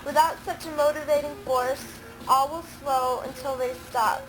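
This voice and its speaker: A woman's voice: high voice, steady tone, moderate pace, music in the background, low-quality recording. A woman carefully reading a prepared school report aloud, captured on old camcorder audio. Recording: hissy old home camcorder recording.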